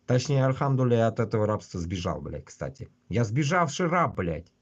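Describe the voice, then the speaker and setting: A man with a husky voice, ranting casually and bluntly on a livestream with constant swearing. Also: lowish voice, very animated, brisk, highs cut off. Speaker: livestream host. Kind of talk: casual rambling livestream rant.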